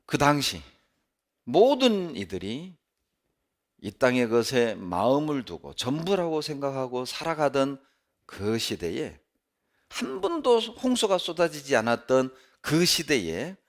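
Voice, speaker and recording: A male pastor delivering a sermon in a church, emphatic, with sharp rises and falls. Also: a little high. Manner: animated, emphatic preaching with sharp rises and drops.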